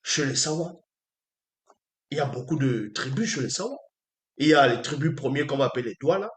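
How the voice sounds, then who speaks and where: A man's voice: mid-range voice, expressive, brisk, echoey room. A man giving an emphatic spiritual teaching, often pressing his listeners with rhetorical questions. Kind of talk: preaching lecture.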